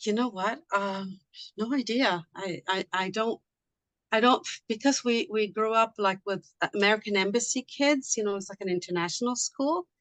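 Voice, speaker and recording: A woman's voice: medium pitch, normal speed, a bit bright, no echo, low-quality recording. A middle-aged woman from Liberia, speaking casually as an interview guest, talking in a chatty way with many fillers and restarts. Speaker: guest, immigration consultant.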